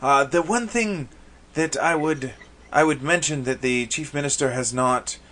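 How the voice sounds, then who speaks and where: Man voicing an alien minister, formal, hesitant, bright, slow. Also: fairly high pitch, voice pushed up. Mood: earnest.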